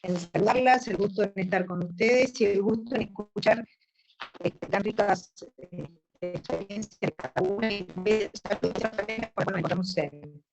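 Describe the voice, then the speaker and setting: A woman's voice: medium pitch, moderate pace, over music, poor audio. A woman speaking on a video call whose audio keeps breaking up, checking hesitantly whether she can be heard. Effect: choppy, breaking-up video call audio. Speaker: panel speaker. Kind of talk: greeting a video meeting.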